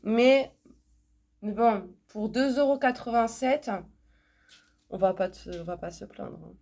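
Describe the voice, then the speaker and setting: Slow-talking woman with a stuffy nose. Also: a little high, vocal fry, mellow. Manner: chatty, repeats words, many fillers. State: congested, talking through the nose from a cold. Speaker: vlogger showing a haul. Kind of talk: casual unboxing chat.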